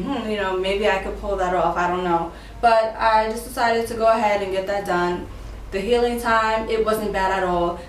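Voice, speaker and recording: A woman in her twenties chatting casually to camera as a vlogger, telling her story conversationally, with speech slightly affected by a dental retainer. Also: medium pitch. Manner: conversational storytelling, acting out quoted exchanges. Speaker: vlogger sharing personal experience. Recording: roomy echo, distant mic, faint noise.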